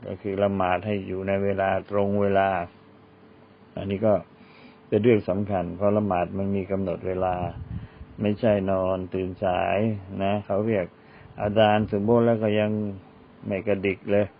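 A man's voice: level tone, normal speed, vocal fry, a little hiss or hum. A man giving an Islamic religious lecture, reciting Arabic verses and explaining them. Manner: recites Arabic verses then explains in Thai, acts out quoted speech. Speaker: Islamic teacher. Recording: tinny phone-like low-fi recording.

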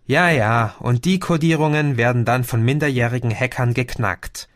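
A man's voice: mid-range voice, moderate pace, close to an everyday voice. A man reading an audiobook, voicing a grumpy young man who grumbles and mocks. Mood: grumbling. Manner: grumbling, mocking.

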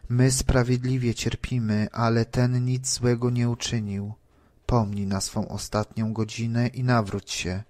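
A man's voice: mid-range voice, little pitch movement, a little slow, darkish tone, close to an everyday voice. A man reading the lines of a repentant crucified thief, in an earnest, pleading manner. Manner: pleading, rebuking.

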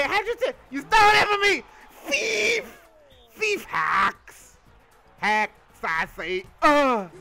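Man, gamer commentary, very high voice, hugely swinging intonation, playful, silly, prone to shouting. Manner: excitable, bursts into shouts and yells; playful silly sound-making and chanting. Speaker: gamer playing a video game. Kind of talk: excited gameplay commentary, casual.

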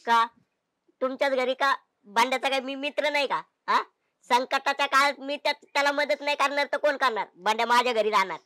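A woman's voice: high-pitched, a little fast, bright, forceful tone. A woman acting in a comedy sketch who argues her point insistently. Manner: insistent, argumentative.

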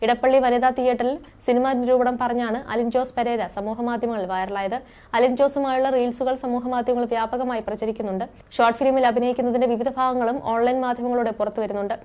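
A young woman narrates a scripted news segment at a rapid clip. Her voice sits a little high, and her reading stays brisk and even from line to line.

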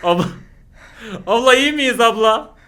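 High-voiced jumpy man reacting to horror. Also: lively intonation, unhurried. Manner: jumpy, swears oaths, shrieks then hushes himself. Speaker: YouTuber reacting to horror videos. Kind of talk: reaction commentary.

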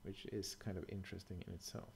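With a low, steady, creaky voice that is a little mellow and slightly rough, a middle-aged man narrates a bushcraft voice-over quickly. The tone is casual and explanatory, though he hesitates thoughtfully, filling gaps and self-correcting.

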